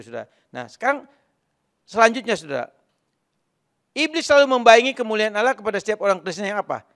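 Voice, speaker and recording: A man's voice: very high voice, fairly bright tone. A male pastor preaching a sermon, emphatic and repetitive, often turning to address the congregation directly.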